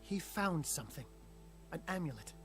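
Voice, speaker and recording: An actor playing an aloof male occultist in a video game, speaking in a haughty, measured and condescending way. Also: a little high, lively intonation, fairly bright tone. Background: game music.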